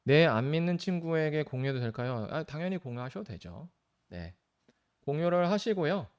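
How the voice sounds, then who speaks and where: A man's voice: on the high side, big pitch swings, moderate pace, clear, resonant tone. A male pastor teaching in a live stream and taking viewers' questions, earnest and pleading, with sudden lifts of stress on key words.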